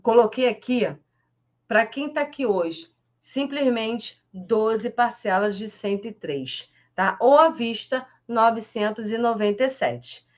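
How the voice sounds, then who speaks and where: A woman's voice: fairly high pitch, expressive, slow pace, highs cut off. A Brazilian woman teaching an online French class on a live stream, chatty and peppering her talk with little tag questions. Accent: Brazilian Portuguese.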